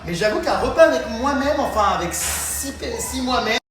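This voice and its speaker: High, lively man hosting a vlog. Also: moderate pace, music in the background. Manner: exuberant, theatrical exclamations. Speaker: vlog host. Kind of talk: excited vlog commentary. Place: indoor museum rooms.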